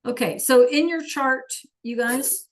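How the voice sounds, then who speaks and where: A woman's voice: high-pitched, slow pace. A woman teaching a Spanish lesson online, patiently checking in with her students and praising answers from the chat.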